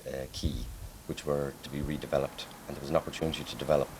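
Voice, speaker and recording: A man's voice: rumbling low, flat delivery, quick pace. A man explaining plans formally in an interview, as a city official. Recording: faint background noise.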